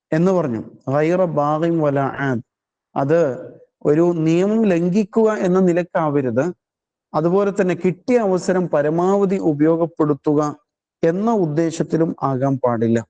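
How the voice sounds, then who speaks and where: Slow, mellow-voiced male scripture teacher. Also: mid-range voice, highs cut off. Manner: methodical, explains Arabic words one by one. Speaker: Quran study teacher. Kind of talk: religious study lesson.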